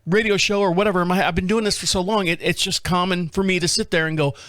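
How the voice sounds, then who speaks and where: A man's voice: high-pitched, fairly even intonation, quick pace, a bit bright, dry recording, clean studio sound. A man in his fifties hosting his own podcast, rambling through a casual solo monologue, self-mocking and laughing often. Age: 50s. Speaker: podcast host.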